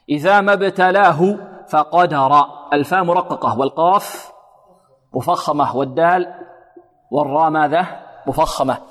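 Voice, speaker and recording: A man teaching Quran recitation, quizzing listeners with questions and repeating words slowly to model pronunciation. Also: fairly high pitch. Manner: quizzes listeners with prompt questions, then answers. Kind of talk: recitation lesson with recited examples. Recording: long hall reverb.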